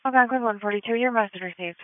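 A woman's voice: a little high, racing, no room sound. A woman dispatches on ambulance radio in short, procedural phrases. The sound is dry and squeezed into a narrow, phone-like two-way channel. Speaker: emergency dispatcher.

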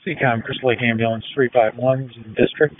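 A man's voice: mid-range voice, fairly even intonation, brisk. A man on an ambulance crew calling in over two-way radio in clipped, procedural phrases. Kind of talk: ambulance radio dispatch call. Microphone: radio handset. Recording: narrowband two-way radio, static, clicks.

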